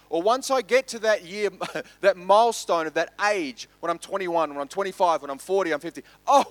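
Preaching a sermon in a high voice, a man pastor surges loud and fast through lists before falling back to a soft, slow emphasis. The recording is dry.

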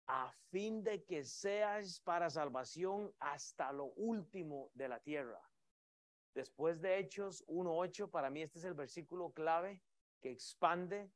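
A middle-aged man preaches from the pulpit in a high, ringing voice. His delivery is emphatic, rising and dropping sharply in loudness as he keeps calling out to his listeners as brothers. The sound is close and dry, with hardly any room around it. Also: dry recording. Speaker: pastor. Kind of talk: sermon.

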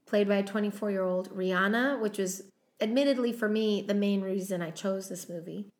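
A woman with a medium-pitched, somewhat dark voice co-hosts a film podcast. She chats casually and unhurriedly about the film's cast, running through her notes with plenty of "um" fillers.

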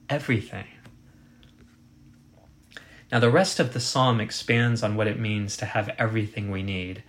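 Man preaching a measured sermon. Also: medium pitch, a bit bright. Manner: measured, emphatic, slows on quoted scripture. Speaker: pastor.

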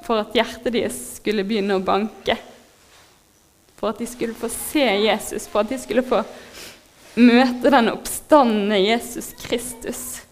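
Heartfelt woman preaching, fairly high voice. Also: steady tone. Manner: heartfelt, moved, laughs softly, pauses with fillers. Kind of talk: sermon.

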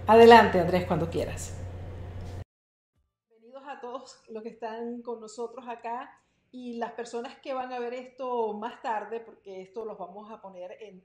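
A woman with a somewhat high voice hosts a live podcast. She talks casually, straight to her audience. The sound is markedly roomy and echoing. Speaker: podcast host.

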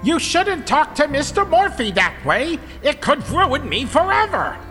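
A man voicing a frantic, nervous middle-aged man who pleads in a high, panicky voice. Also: big pitch swings, a little slow, pushed and bright, in a large hall, soft background music, heavily acted.

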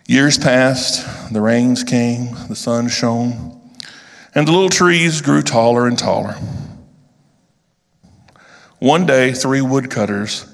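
A man reading a storybook aloud, slow and with deliberate pauses. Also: mid-range voice, creaky. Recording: long reverb of a large hall.

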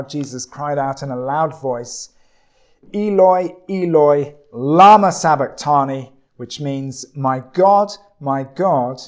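Slow, deliberate male preacher. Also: on the high side, darkish tone. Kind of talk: sermon.

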